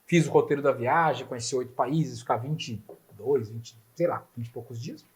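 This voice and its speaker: A middle-aged man with a Brazilian Portuguese accent hosting a podcast, telling a story in animated, casual chat and swearing freely. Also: mid-range voice, normal speed. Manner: animated, swearing, acts out dialogue. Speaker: podcast host.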